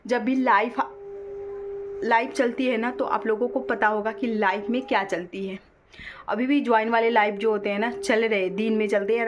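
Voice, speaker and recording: A woman's voice: mid-range voice, slight background noise. A woman vlogger talks casually to her phone while seated at home, speaking earnestly and lecturing the person she addresses. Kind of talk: casual talking-to-camera vlog. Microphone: handheld phone. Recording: dull lo-fi phone audio.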